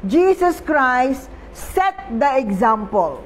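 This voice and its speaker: Slow-speaking Filipino woman preacher. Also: sits high, sing-song, slight background noise. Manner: slow, deliberate, asks the congregation "Amen?" often. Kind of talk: sermon. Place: church worship service. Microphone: small microphone.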